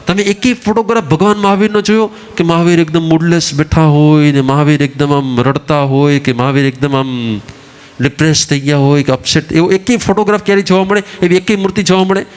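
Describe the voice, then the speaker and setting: A man giving a sermon as a Jain preacher, putting constant rhetorical questions to his listeners. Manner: rhetorical questions to the audience, animated swings in pitch.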